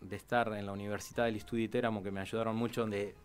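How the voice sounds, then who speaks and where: A man, a historian guest in a radio interview, telling history in an animated way with many restarts. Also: on the low side, fast talker, soft background music.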